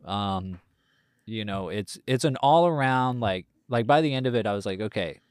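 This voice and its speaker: A man co-hosting a casual film podcast, rambling with many fillers and letting his sentences trail off quietly. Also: mid-range voice, lively intonation, normal speed, smooth, dry recording, clean studio sound. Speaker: podcast co-host. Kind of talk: casual film review chat.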